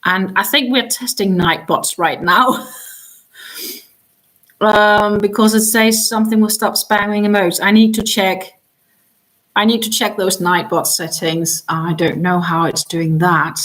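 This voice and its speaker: Her voice is medium-pitched, steady and a bit bright, and she takes it slowly as she hosts a casual crochet livestream. A chatty Danish native speaker tired from a long day, she fills her talk with ums and keeps trailing off and restarting over a rough recording.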